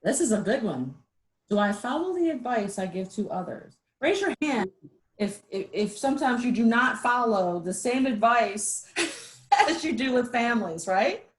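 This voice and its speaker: Give me a middle-aged woman giving a casual webinar talk on a video call, animated and joking at her own expense. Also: fairly high pitch, a little slow. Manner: chatty, animated, self-deprecating. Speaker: presenter.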